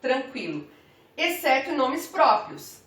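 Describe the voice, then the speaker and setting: Female teacher, grammar lesson, measured and deliberate, pronounces each example word clearly; slow pace, echoey room. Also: sits high, sing-song, a bit bright. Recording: roomy, from some distance off the mic.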